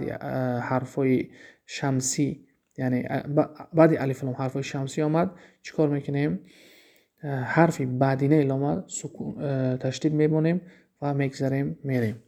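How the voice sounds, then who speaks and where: A man's voice: medium pitch, vocal fry, mellow. A man with a Tajik accent teaching an Arabic grammar lesson, explaining step by step and answering his own questions.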